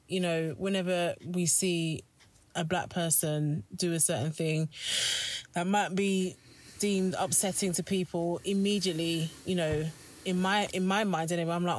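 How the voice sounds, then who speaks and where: A woman co-hosting a podcast, chatting casually and reacting with emphatic sympathy. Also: fairly low pitch. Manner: empathetic, quick to react with emphatic interjections. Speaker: podcast co-host; journalist. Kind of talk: casual conversational chat.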